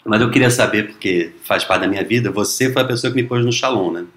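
A man's voice: lowish voice, fast talker, a bit bright, reverberant. A man hosting a casual interview, friendly and affirming as he asks questions. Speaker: host.

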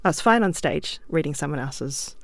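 A woman with a New Zealand accent talks easily as a studio guest, often laughing as she thinks aloud. Her voice carries a gravelly creak. The sound is close and dry, with no room echo. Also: sits low, lively intonation, normal speed. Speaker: guest writer. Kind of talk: relaxed interview talk. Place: recording studio.

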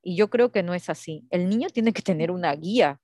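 A woman chatting casually, telling animated stories and acting out the voices of the people in them. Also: fairly low pitch, a little fast, dry recording, studio quality. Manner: animated storytelling, acts out quotes, laughs often. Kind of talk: casual chat.

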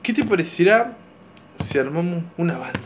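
A man's voice: high voice, big pitch swings, moderate pace, noisy background. A young man with a Rioplatense Spanish accent co-hosting a casual podcast, joking around, laughing often and playfully exaggerating. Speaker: podcast co-host. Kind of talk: casual chat.

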